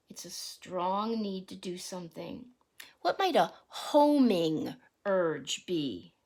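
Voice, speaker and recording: A woman of mid-range pitch and darkish tone reads a rhyming picture book for young listeners, teacher-style and unhurried, mixing in explanations and questions along the way.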